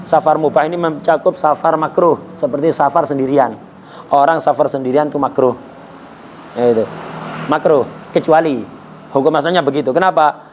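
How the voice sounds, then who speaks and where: A man teaching a religious law lesson. His voice sits a little high, and he talks casually, asking himself questions and cracking jokes. Faint noise hums behind him. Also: fairly even intonation, normal speed, darkish tone. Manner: conversational, rhetorical questions, jokes. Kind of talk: Islamic jurisprudence lesson.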